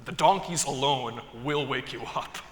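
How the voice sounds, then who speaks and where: A man's voice: mid-range voice, moderate pace. Male priest preaching in an echoey church. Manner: conversational storytelling with light humor. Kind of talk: sermon. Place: large church. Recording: echoey church hall with long reverb.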